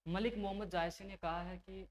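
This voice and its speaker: A man's voice: high-pitched, steady tone, fairly quick, a little hiss or hum. A male teacher, giving a conversational exam-prep lecture and repeating key names for his students.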